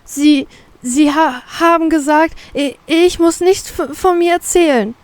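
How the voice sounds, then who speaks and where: A woman's voice: sits high, a little slow, no echo, voice pushed up. A woman voicing a frightened, defiant young woman held captive, who stammers as she speaks. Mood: stammering defiance. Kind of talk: fanfiction audiobook reading.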